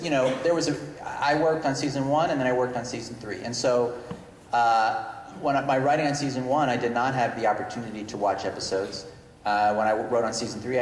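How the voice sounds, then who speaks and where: In a big, reverberant convention panel room with noticeable noise, a middle-aged man with a medium-pitched voice answers questions as the screenwriter guest. His unscripted talk is halting and wandering, and he keeps correcting himself.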